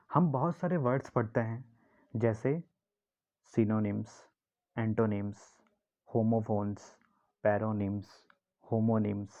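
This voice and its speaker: A man's voice: medium pitch, warm tone. Dull-sounding male teacher explaining words. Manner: explains slowly, repeats key words, asks and answers his own questions. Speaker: English teacher. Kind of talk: classroom-style vocabulary lesson.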